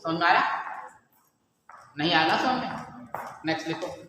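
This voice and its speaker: A man teaching chemistry to a class, dictating questions slowly and coaxing students as "beta". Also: on the high side, bright, forceful tone. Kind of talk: classroom lecture. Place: large echoey classroom. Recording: echoey hall from far off, faint room noise.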